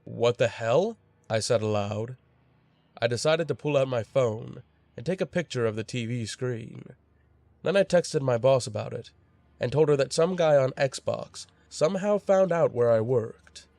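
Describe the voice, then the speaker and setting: A man's voice: medium pitch, animated, moderate pace, darkish tone, no echo. Young guy reading out a creepy story, casual and wry, dry close sound. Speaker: horror story narrator. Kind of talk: scripted storytelling narration.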